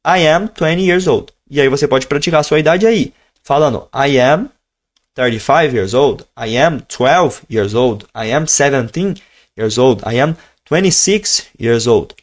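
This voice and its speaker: An English teacher, a man with a medium-pitched voice, runs a live online lesson at an easygoing pace. He moves between his ordinary teaching tone and slowly drawn-out model phrases so learners can keep up.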